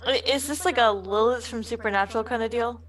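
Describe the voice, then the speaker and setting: A woman's voice: a little high, fast talker. A woman playing a tabletop role-playing game, chatting casually in and out of her role. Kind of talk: casual role-play chat.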